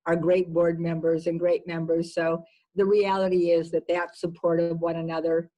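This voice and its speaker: A woman business executive gives conversational answers in an interview, speaking emphatically and repeating words for stress. Her voice is warm and fairly low, with a level tone and moderate pace. The recording quality is low.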